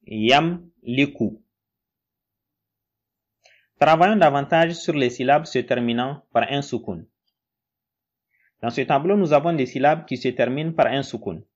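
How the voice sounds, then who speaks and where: A man teaching in a recorded lesson, slow and patient, spelling out syllables one by one. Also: mid-range voice, muffled recording. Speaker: Quran reading teacher.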